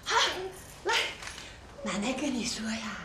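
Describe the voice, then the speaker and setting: A woman's voice: fairly high pitch, sing-song, measured pace, background noise. An actress playing a chatty, doting grandmother who coaxes and fusses, in a TV drama. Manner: chatty, coaxing, bursts into flustered panic. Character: doting, fussy grandmother, older woman. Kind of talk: TV drama acting. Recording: echoey room with loud music behind.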